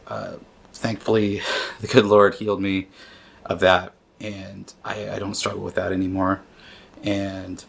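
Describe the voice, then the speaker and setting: Low, flat, gravelly-voiced man. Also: a little hiss or hum. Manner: earnest, halting, with many restarts and fillers. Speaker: vlogger sharing his grief story. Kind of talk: personal reflective talk.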